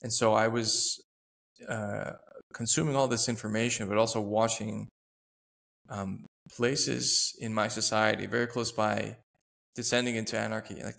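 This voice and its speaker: A man in his thirties speaks in a low voice with a gravelly, fry-laden edge. As a podcast host, he tells a personal story in conversation, earnest and reflective, pausing to search for his words. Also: a bit bright. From United States.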